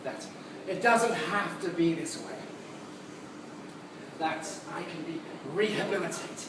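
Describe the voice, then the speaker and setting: A man's voice: a little high, slow. A man playing a mad, theatrical supervillain clown in a dramatic, mocking stage monologue. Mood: quiet menace. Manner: theatrical, mocking, dragging out words for emphasis. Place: large cinema auditorium. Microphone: distant recorder in the room. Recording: echoey, noisy hall recorded from far off.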